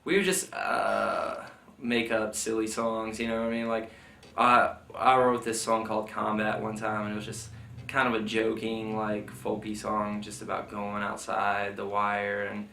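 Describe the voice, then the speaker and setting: A military veteran in an interview rambles informally about his service, packing his speech with "like" and "you know." His voice sits on the low side, completely flat, unhurried and sharp. A distant mic in a roomy space picks up faint noise.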